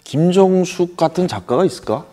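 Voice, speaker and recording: A man's voice: high voice, animated, a little fast, dark tone, long reverb tail. A male theater director speaking thoughtfully in a documentary interview.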